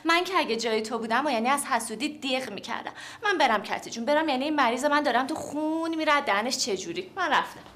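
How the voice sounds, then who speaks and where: A chatty gossiping doctor. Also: female voice, sits high, expressive, hardly any pauses, fairly bright tone.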